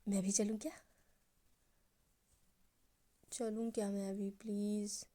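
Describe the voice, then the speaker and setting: A woman's voice: medium pitch, little pitch movement, normal speed, mellow, natural voice. A woman voicing a clingy young woman in love who pleads and sulks in a whiny way. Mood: pleading.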